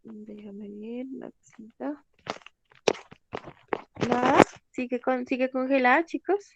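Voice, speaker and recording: A woman's voice: a little high, takes it slowly, gravelly, highs cut off, slight background noise. A woman teaching an English class online, explaining patiently and often checking that students follow. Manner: patient, checks understanding with frequent "¿listo?".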